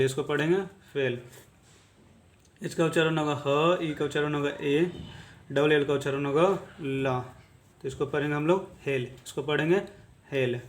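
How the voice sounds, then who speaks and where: Patient repetitive male English phonics teacher. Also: a little high. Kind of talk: phonics lesson.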